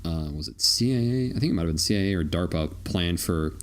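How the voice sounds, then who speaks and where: A man casually joking through a movie commentary, crude and rambling, breaking into quick explainer asides. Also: low voice, expressive. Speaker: commentary track host.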